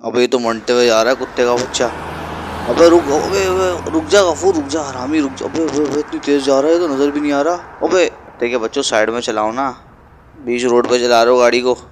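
A man's voice: mid-range voice, brisk, background noise, close to an everyday voice. A man voicing a brash, foul-mouthed male gangster who swaggers and insults in an amateur game dub. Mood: frantic. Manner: swaggering, insulting, panics into yelling while racing.

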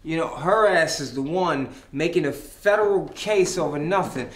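A man playing a hot-tempered drunk husband who slurs and blusters, then flares up into shouting. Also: a little high, moderate pace, slight background noise, natural voice. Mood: defiant. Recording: echoey room, distant mic.

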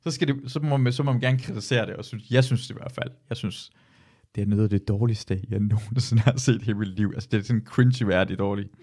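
A man hosting a podcast in casual chat, animated and ranting, swearing freely. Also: on the low side. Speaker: podcast host.

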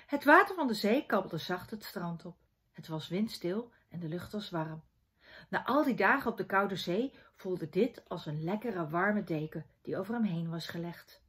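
A woman from the Netherlands reading a children's book aloud in an expressive storytelling manner. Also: fairly low pitch, normal speed, slightly rough. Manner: expressive storytelling, softening to a hush in quiet scenes.

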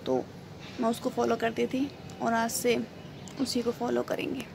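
Young woman vlogging outdoors on her phone, gravelly voice, loud street noise around. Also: fairly high pitch, little pitch movement, measured pace. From India. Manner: chatty, rambling, filler-heavy. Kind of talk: casual vlog talk to camera. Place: outdoors on a quiet railway colony road. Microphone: phone held at arm's length.

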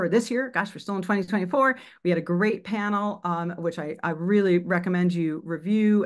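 A woman with a fairly low voice presents a webinar on arts advocacy, moving briskly through her slides. Her speech is packed with fillers and quick self-corrections.

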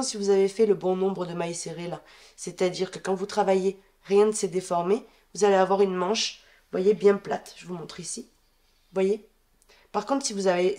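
This crochet tutorial host has a blocked-up head cold, yet her delivery stays even and relaxed as she explains a pattern. She tallies her stitches aloud and makes every step clear, her pitch a typical mid-range for a woman, all from a wooden table indoors.

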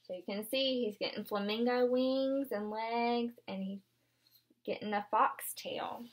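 A kindergarten teacher in her twenties, with a slightly high voice and measured pace, reads a picture book aloud with expression. She explains it simply for young children from a small furnished room.

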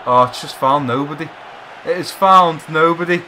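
A man giving excitable live commentary while playing a football video game, shouting encouragement at his players. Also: on the high side, normal speed. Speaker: gamer playing a football career mode.

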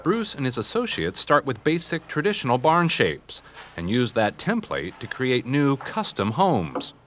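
A male TV host narrating a home-building feature in a smooth, measured presenter voice. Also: medium pitch, wildly swooping pitch, a bit bright, slight background noise. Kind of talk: scripted documentary narration. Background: background music under the voice-over.

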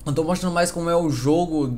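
A man with a Brazilian Portuguese accent, doing joking let's-play commentary and calling out excited greetings to his viewers. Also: fairly high pitch, fast talker. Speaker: gaming youtuber.

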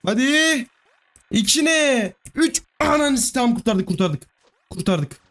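A man giving live gameplay commentary, excitable, pleading with the game and cursing at it. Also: very high-pitched, measured pace, soft background music. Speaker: gaming YouTuber.

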